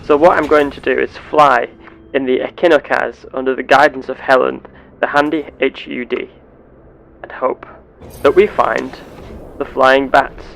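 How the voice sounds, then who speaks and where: As host of a sci-fi game roleplay, a man narrates in the voice of a curious, earnest space explorer, using measured, formal, theatrical phrasing. His voice is medium-pitched, gravelly and fairly bright, with fairly even intonation. The low-quality recording carries a little hiss or hum.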